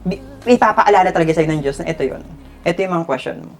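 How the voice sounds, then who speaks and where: A man's voice: a little high, fast talker. A man with a Filipino accent, a hair stylist and guest, telling his story in a casual interview and switching between Tagalog and English.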